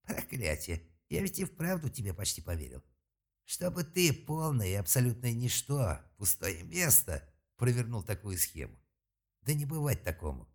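A man's voice: on the low side, sing-song, a little fast, hardly any pauses, warm tone, husky, pitched above the performer's own voice. A man voicing an arrogant, hot-tempered young male mage student in an audiobook, speaking with a contemptuous snarl. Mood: enraged. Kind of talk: audiobook character voice.

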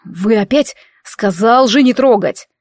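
A woman's voice: on the high side, animated, a little slow, a little mellow, no echo, clean studio sound. Woman voicing a curt, irritable young prince. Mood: irritated. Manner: curt and snapping.

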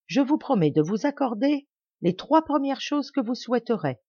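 Woman doing a slow, solemn storybook fairy, dry muffled recording. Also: on the high side, big pitch swings, warm tone, no echo, pitched above the performer's own voice. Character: solemn female fairy granting wishes. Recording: dry, slightly dull home recording.

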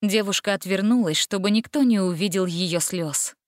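A woman narrating a fairy-tale audiobook in an expressive, steady reading style. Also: medium pitch, moderate pace, no echo, clean studio sound. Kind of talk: storybook narration.

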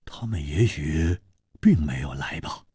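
A male storyteller voicing a courteous, cautious swordsman who speaks softly. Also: low voice, huge pitch swings, measured pace, dry recording, studio quality, pitched below the performer's own voice, heavily acted. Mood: polite.

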